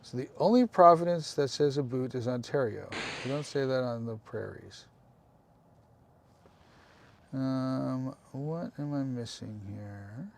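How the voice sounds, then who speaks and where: A man's voice: mid-range voice, slow pace, vocal fry, slight background noise. A man hosting a casual live stream, chatting with viewers, calling them by name and making apologetic asides.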